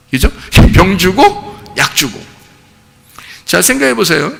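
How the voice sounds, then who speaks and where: A man's voice: high voice, gravelly, pushed and bright. A male pastor giving a chatty, storytelling sermon, often throwing rhetorical questions to the congregation. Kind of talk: conversational sermon. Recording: long hall reverb.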